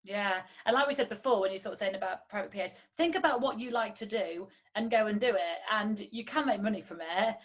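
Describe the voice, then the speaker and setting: A woman in her thirties hosts a casual podcast chat with a rapid, tumbling delivery. Her voice sits deep for a woman, and she keeps things encouraging, peppering her points with fillers. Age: 30s. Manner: chatty and encouraging, quick with fillers like "like" and "um". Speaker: podcast host.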